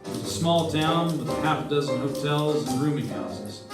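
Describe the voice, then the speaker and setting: Playing a hardboiled insurance investigator narrating his case, a man uses a fairly high, expressive, natural-sounding voice at a moderate pace. His clipped old-time radio detective delivery is wry and dramatic, and the live stage recording is echoey, distantly miked, with music behind.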